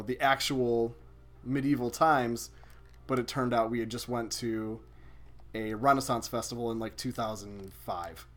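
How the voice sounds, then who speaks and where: A young man casually chatting with viewers while streaming a video game, swearing and exclaiming as he plays. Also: medium pitch.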